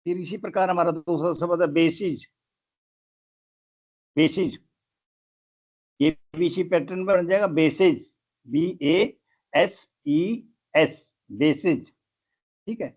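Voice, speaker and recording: A man's voice: a little high, steady tone, measured pace, darkish tone, dull audio. A man teaching English grammar in a lesson, spelling words out letter by letter.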